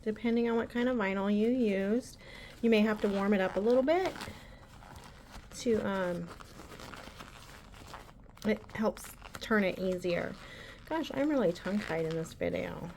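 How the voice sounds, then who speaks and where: A woman's voice: mid-range voice, measured pace, long pauses, darkish tone, slight background noise. A woman hosting a casual embroidery tutorial, chatty and rambling with frequent ums.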